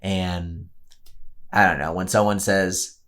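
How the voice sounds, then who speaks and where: A man with a fairly low voice talks through a film review in a loose, casual way. He rambles and restarts his sentences, piling up fillers as he goes. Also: steady tone, slow pace, fairly bright tone. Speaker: co-host.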